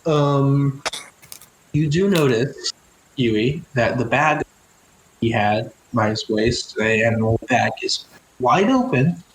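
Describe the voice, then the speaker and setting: A man narrates a tabletop game as game master. He laughs often and his pitch swoops about. The room is echoey with a faint hiss behind him. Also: slow, pauses often. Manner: giggly, animated, often laughing. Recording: roomy echo, faint noise.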